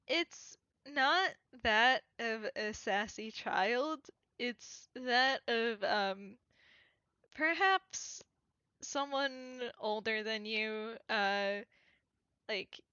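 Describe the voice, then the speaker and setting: Brief: woman player describing her character, slow and halting, bright higher voice, dull dry mic. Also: clear, resonant tone, no echo. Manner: rambling, lots of fillers, laughs often. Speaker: player in a tabletop game. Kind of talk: casual role-play narration.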